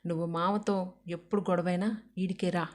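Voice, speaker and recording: A woman voicing a kind village woman who smooths things over in gentle rustic speech. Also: fairly low pitch, steady tone, normal speed, close to an everyday voice. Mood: soothing.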